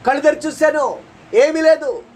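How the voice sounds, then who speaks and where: A man's voice: very high-pitched, moderate pace, a little hiss or hum. A man preaching a testimony sermon, telling his story dramatically with repeated phrases and earnest, pleading prayers. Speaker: preacher giving a personal testimony.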